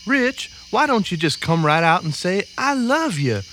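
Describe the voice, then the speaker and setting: An actor playing a gentle, loving father saying good night to his children in a radio drama. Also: medium pitch, sing-song, measured pace, slight background noise. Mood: tender. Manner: soft, tender.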